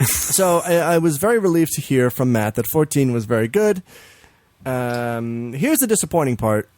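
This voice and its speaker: A man co-hosting a podcast in casual chat, swearing freely, laughing often and jumping into high silly voices to mimic games. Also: expressive, normal speed, darkish tone. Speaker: podcast co-host.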